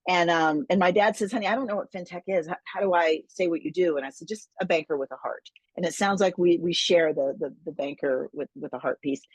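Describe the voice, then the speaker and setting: A woman's voice: on the low side, a little fast, husky, no room sound. Enthusiastic woman hosting an interview, dry sound. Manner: enthusiastic, repeats words as she restarts. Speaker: host, interviewer. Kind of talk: friendly interview chat.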